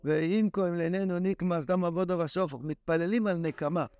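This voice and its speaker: A man's voice: high voice, fairly even intonation, a little mellow, smooth, dry recording. A man teaching a daily religious text lesson in an impassioned way, with exclamatory sighs. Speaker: Torah teacher.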